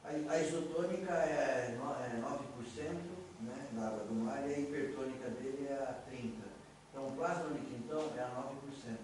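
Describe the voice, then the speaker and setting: A man chimes in from the audience, quiet and hesitant, correcting himself as he goes. He sits far from the microphone in an echoey room with a faint hum of ambience behind him. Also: medium pitch, fairly quick. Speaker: audience member, specialist.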